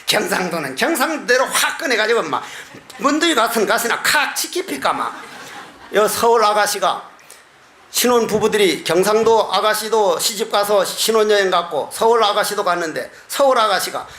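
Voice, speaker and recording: A Buddhist monk with a very high voice gives a sermon in an echoey hall. He speaks in a folksy, joking way and chuckles often. He stretches some phrases into slow chants. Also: animated, bright, forceful tone. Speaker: Buddhist monk giving a dharma talk.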